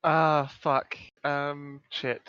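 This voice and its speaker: A man playing a tabletop game, chatting casually in an animated, sweary way. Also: on the high side, very slow, smooth, no room sound. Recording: slightly dull lo-fi microphone.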